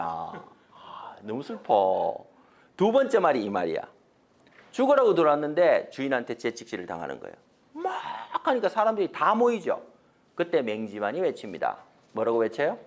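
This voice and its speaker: A middle-aged man giving a corporate training lecture, telling stories with loud and soft swings, asking the audience questions. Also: fairly high pitch. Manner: animated storytelling, swings from loud to soft, acts out quotes; mixes polite and blunt casual speech, asks the audience questions.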